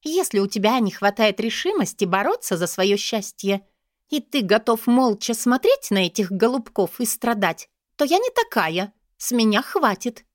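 A woman voicing a hysterical young noblewoman who sneers and shouts. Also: sing-song, normal speed, dry recording, clean studio sound. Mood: scornful. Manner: sneering, shrill outbursts.

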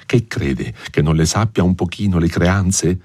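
A man's voice: low-pitched, a little slow, a little mellow, no room sound, clean studio sound. A man voicing a simple, earnest middle-aged countrywoman.

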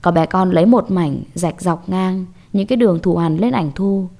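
A woman telling a scripted horror story in a measured, dramatic way. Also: lowish voice, vocal fry, warm tone.

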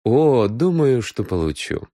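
A man playing a cool male detective lays out his case in a cold, measured voice. He stays firm and unhurried, with lively rises and falls. The sound is dry and close-miked. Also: mid-range voice, no room sound, voice pushed up. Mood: stern.

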